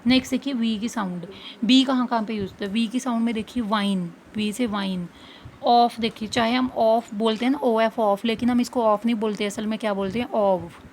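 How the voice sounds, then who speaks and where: A woman's voice: a little high, fairly even intonation, a little fast, a little mellow, slight background noise. A woman English teacher explaining phonics step by step, asking questions and then answering them herself.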